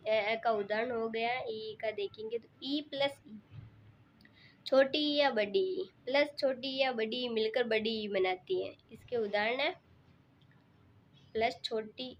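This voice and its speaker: A woman teaching a grammar lesson for exam preparation, explaining each step patiently and repeating herself. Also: slight background noise. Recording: muffled low-fidelity recording.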